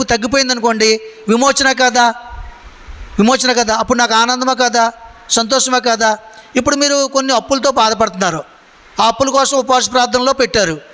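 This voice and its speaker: A man's voice: very high-pitched, pushed and bright. A man preaching a sermon to a congregation in a church, asking them questions and calling for their answers. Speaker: pastor. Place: church hall. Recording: long hall reverb.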